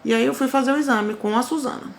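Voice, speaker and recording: Animated Brazilian woman telling her story. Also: high-pitched, fast talker, creaky, a little hiss or hum. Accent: Brazilian Portuguese. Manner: animated, repeats phrases for emphasis. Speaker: testimony storyteller. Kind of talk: casual personal storytelling.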